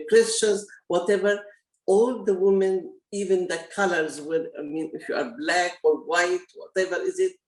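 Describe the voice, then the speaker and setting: A woman's voice: fairly low pitch, darkish tone. Woman from syria talking on a panel, lots of uh and restarts, roomy echo. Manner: halting, many fillers and restarts. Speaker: panel speaker. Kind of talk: online panel talk.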